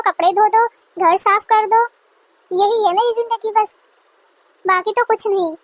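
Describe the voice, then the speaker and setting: A woman's voice: extremely high pitch, a bit bright, no echo. A woman voicing an aggrieved young newlywed wife who argues indignantly with her in-laws, in a dry close recording. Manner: indignant, complaining.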